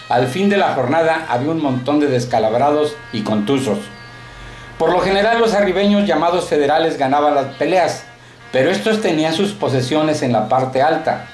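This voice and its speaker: In an echoey room, a man with a fairly high-pitched voice reads a short story aloud, narrating in a steady, colloquial way.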